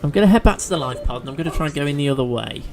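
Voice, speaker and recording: A man's voice: fairly high pitch, animated, very fast, gravelly, darkish tone, soft background music. A man chatting through a video game as he plays, thinking aloud with fillers and restarts. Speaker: let's play host. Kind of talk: gameplay commentary.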